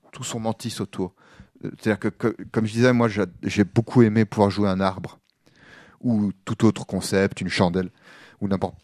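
A man giving his opinions in a casual podcast discussion, halting and rephrasing as he argues. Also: fairly low pitch, a little mellow, no room sound, clean studio sound. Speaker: podcast co-host discussing a role-playing game.

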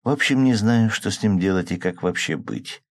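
A man's voice: on the low side, moderate pace, dry recording, close to an everyday voice. A man voicing an upset young woman who sighs and pleads plaintively, in an audiobook. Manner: plaintive, sighing. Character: upset young woman, worried about her drinking man.

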